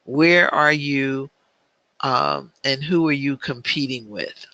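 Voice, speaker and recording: A man teaching an online business planning class, speaking in a measured way with frequent filler ums. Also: mid-range voice, gravelly, pushed and bright, no echo, lo-fi sound.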